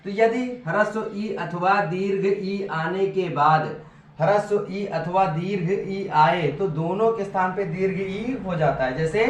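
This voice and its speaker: A high-pitched man teaches a patient, step-by-step grammar lesson at a board and keeps checking that the class follows. He sounds far from the microphone, in a noticeably echoey room. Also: measured pace, slight background noise. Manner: patient, repetitive, checks in with "ठीक है".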